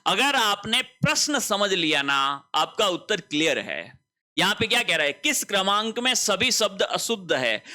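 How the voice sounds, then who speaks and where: A man's voice: high voice, very animated, normal speed, bright, forceful tone. A man teaching a Hindi spelling lesson for exam preparation, walking through each option step by step and asking rhetorical questions, with a Rajasthani accent.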